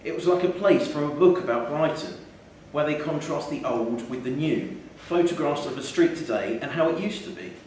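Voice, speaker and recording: A man gives a live reading of a literary short story in an indoor theatre, using a darkish, somewhat high voice with lively intonation, normal speed, and hardly any pauses. The recording, made from a distant mic, is very echoey with faint noise.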